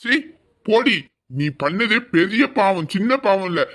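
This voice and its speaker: Man voicing stern father, middle-aged, firm, reproachful, family drama skit, slightly high voice. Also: expressive, unhurried, a bit bright. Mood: scolding.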